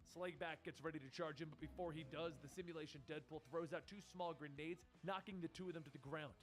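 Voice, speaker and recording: A man narrating a story recap in a quick, animated way. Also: a little high, soft background music.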